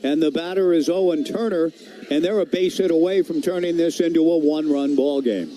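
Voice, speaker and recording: An American man calls a live baseball game as a radio play-by-play announcer, his fairly high voice brisk and warm. Ballpark ambience and soft music sit behind him, and the live broadcast carries clear background noise.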